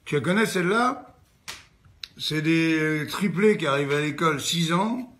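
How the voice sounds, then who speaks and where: Man telling jokes in a high voice. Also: a little slow, a bit bright, slight background noise. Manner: casual, addresses the listener with "tu vois". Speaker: joke teller.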